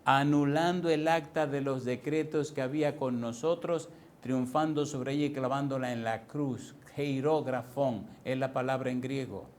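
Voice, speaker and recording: A man preaching a sermon as pastor, asking the congregation questions and telling lively personal stories. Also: mid-range voice, moderate pace, a little hiss or hum. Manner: preaches with call-and-response questions and lively storytelling.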